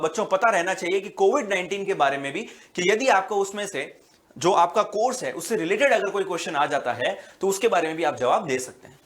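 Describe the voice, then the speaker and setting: A man's voice: high voice, a bit bright. A male biology teacher giving an exam-prep lecture, talking patiently to students and often checking that they follow. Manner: explains slowly, repeating "बच्चों" and "है ना" often; fills pauses with "अ" and restarts words.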